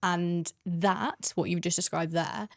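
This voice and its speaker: A woman hosts an interview in a lowish voice and reflects on what her guest has said before each question. The sound is close and dry. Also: fairly even intonation, takes it slowly, gravelly, no echo. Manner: reflective, summarizing the guest's points. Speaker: podcast host.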